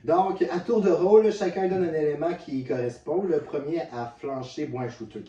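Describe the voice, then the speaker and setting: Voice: medium pitch, normal speed, warm tone, muffled recording. A speaker with a Quebec French accent hosting a drinking game in boisterous, exclamatory banter peppered with swearing. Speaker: host of a drinking-game video. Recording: echoey room, distant mic, faint noise.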